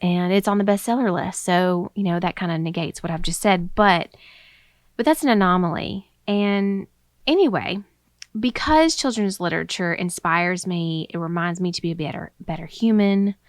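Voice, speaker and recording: A woman's voice: on the low side, moderate pace, no echo, clean studio sound. A young woman hosting a casual solo podcast, a little out of breath, rambling with lots of ums and restarts. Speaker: podcast host.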